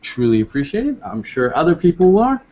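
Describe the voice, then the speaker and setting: A man's voice: fairly high pitch, very animated, brisk, dark tone, lo-fi sound, slight background noise. A man hosting a casual live online discussion, rambling and upbeat with many fillers. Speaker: host.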